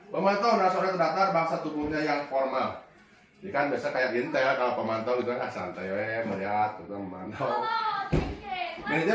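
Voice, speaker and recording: A male teacher walks through lesson points in a relaxed, explaining manner. Now and then he acts out a teacher or a pupil, sometimes with a sudden shout. His fairly high voice is picked up from a distance in a very echoey room. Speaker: teacher presenting a training module. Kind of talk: classroom presentation. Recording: very echoey room, mic far off.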